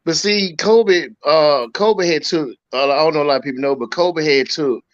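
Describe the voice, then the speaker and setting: A man on a phone call, talking casually about sports in a halting way as his connection glitches and breaks up, with his pitch jumping and his speed stuttering. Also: crowd noise. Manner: halting, repeats words. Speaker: call-in guest. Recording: dull, dry lo-fi phone line.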